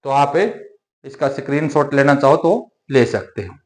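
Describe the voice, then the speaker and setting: A man's voice: mid-range voice, normal speed. A man teaching a Hindi grammar lesson, often asking his own questions and then answering them, with plenty of repetition. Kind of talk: classroom-style lesson.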